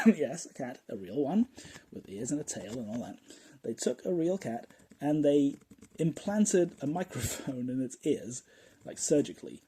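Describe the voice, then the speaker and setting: A man hosting a podcast in a casual monologue, rambling and chatty, often chuckling and dropping into quiet asides. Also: medium pitch, lively intonation, a little slow, husky, rough recording. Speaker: podcast host.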